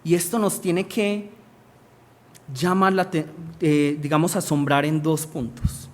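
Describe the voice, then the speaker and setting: A man's voice: a little high, little pitch movement, slow pace. A male preacher, giving a sermon and asking the congregation questions that he answers himself.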